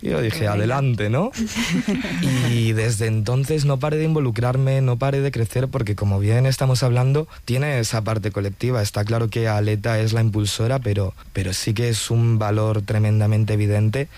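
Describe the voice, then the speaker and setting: A man's voice: on the low side, steady tone, normal speed, mellow, no echo. A man in a radio studio, a guest poet, telling his story fluently and with enthusiasm. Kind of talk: radio interview.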